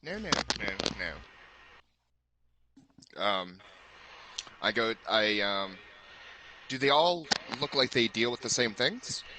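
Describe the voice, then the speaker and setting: A man playing a tabletop game, speaking hesitantly with many ums and halting restarts. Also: lowish voice, expressive, sharp tone, slight background noise, poor audio. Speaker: player.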